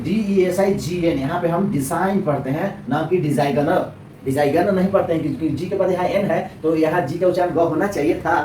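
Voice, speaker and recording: A man's voice: fairly high pitch, a little mellow. A man explaining an English lesson, asking and answering his own questions and repeating each point. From India. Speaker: English teacher. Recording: roomy echo, distant mic, faint noise.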